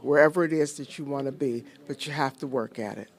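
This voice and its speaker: A woman's voice: extremely low pitch, fairly quick. A woman giving an earnest, emphatic interview to a reporter on election night. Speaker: interview guest.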